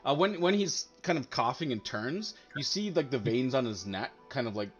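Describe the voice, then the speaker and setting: A man narrating a tabletop game as game master in a casual, halting, improvised way. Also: medium pitch, animated, lo-fi sound, faint music behind. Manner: halting, filler-heavy, casual.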